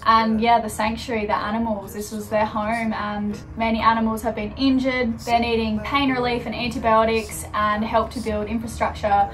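A woman's voice: fairly high pitch, normal speed, few pauses, rough recording. A young woman, a sailing vlogger, chatting casually on a boat. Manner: relaxed, playful with her child. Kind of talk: casual vlog chat. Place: catamaran deck outdoors, later a house porch.

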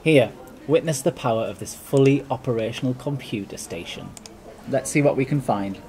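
A man plays an encouraging careers adviser in a comedy promo. He speaks at a middling pitch, staying courteous and unruffled throughout. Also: normal speed, a crowd in the background, natural voice. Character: polite, reassuring college careers adviser. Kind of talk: comic promo film parody dialogue.

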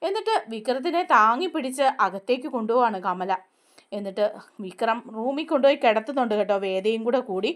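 A woman hosting a chatty recap of a TV serial episode, telling the story in an animated way with frequent conversational tag questions. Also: on the high side, brisk.

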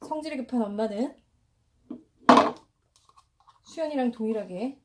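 A woman's voice: fairly high pitch, moderate pace, heavy background noise. A young mother in her home, narrating play with her baby in a cooing, exclamatory, sing-song way. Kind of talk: playful parenting vlog narration. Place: home indoors.

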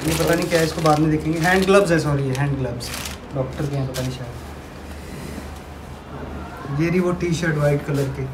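Talking fairly quickly but with long pauses, a young vlogger in a slightly high voice chats to camera about things around his home, moving between indoors and a parked bike. The background is noisy.

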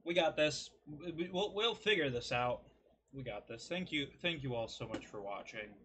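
Reviewing food for his webcam in a cramped, messy bedroom, this twenty-something man jokes around, wanders off topic and mocks himself. He talks at a normal speed in a mid-range voice that is lively, pushed and bright, over a faint hiss or hum.

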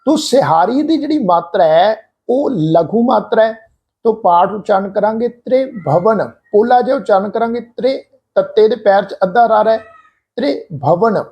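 This is patient instruction from a man showing a congregation the right pronunciation of scripture. He speaks slowly and deliberately, repeats and stretches out syllables as examples, and addresses his listeners politely in a voice that sits high, recorded with lo-fi sound.

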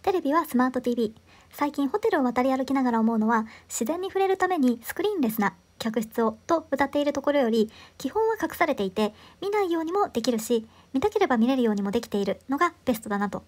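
A woman's voice: high-pitched, animated, fast talker. A woman in her thirties giving an upbeat, enthusiastic scripted voice-over for a travel vlog, recorded indoors. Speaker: travel vlogger.

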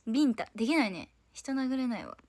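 A woman's voice: a little high, big pitch swings, brisk, darkish tone. A woman in her twenties from Tokyo, hosting a casual solo livestream and chatting playfully in answer to viewer comments. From Tokyo, Japan. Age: 20s. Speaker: idol livestream host.

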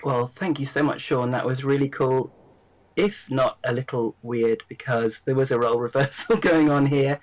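Guy interviewing a podcast host, mid-pitched, goes on a bit with you knows and ums. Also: low-quality recording. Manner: rambling, with fillers and effusive thanks. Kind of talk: casual interview.

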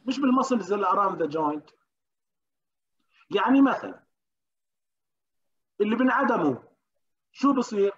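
A man giving an interactive medical lecture, often questioning the class and pausing with hesitations. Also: sits high, big pitch swings, a bit bright. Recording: dull lo-fi recording.

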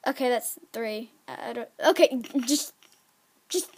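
A woman giving casual, excitable commentary while playing a game, chatty and prone to squeals. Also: a little high, a little slow. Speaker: gaming video creator.

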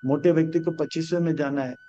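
A man giving a Hindi scripture discourse, chanting Sanskrit verses slowly and acting out characters in his stories. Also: fairly high pitch, fairly even intonation, dark tone. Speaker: spiritual teacher. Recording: dull lo-fi sound with faint music.

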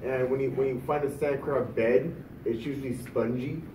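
A man's voice: mid-range voice, steady tone, moderate pace. A man speaks up from the audience with a hesitant follow-up point. He is far from the mic in an echoey meeting room, and background noise sits behind his voice. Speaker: audience member. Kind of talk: question from the audience.

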